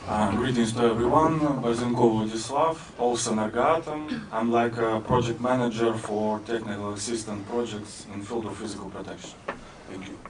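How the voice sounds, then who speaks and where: A man's voice: medium pitch, steady tone, moderate pace, few pauses, a crowd in the background. A man introduces himself and a colleague at a meeting, talking hesitantly. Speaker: project manager. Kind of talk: roundtable introductions. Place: meeting room. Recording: distant echoey room mic with background noise.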